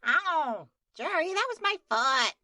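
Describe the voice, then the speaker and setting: A woman's voice: high voice, sing-song, slow pace, heavy background noise, heavily acted. A woman voicing a meek, weary henchman hauling gold bars. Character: timid weary minion.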